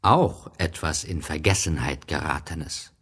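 A man voicing a wise, gentle fox in an audiobook reading, explaining things patiently and with a wistful tone. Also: very deep voice, a little slow, husky, full character voice.

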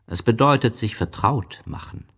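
Wise fox voiced by a man, patient, wistful, husky voice, expressive, storybook reading. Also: mid-range voice, normal speed, voice pushed up. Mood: gentle, wistful. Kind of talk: audiobook reading.

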